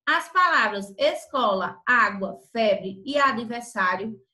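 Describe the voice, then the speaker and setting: Woman teacher, crisp bright voice, slightly high, patient and repetitive. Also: expressive, takes it slowly. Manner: patient, spells out letters one by one; repeats herself and self-corrects often. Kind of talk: correcting a worksheet for pupils.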